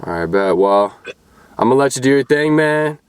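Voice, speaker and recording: A man's voice: mid-range voice, animated, moderate pace, crowd noise. A man hosting his vlog in casual chat, easygoing and full of "like" and "bro", often repeating words. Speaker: vlogger host.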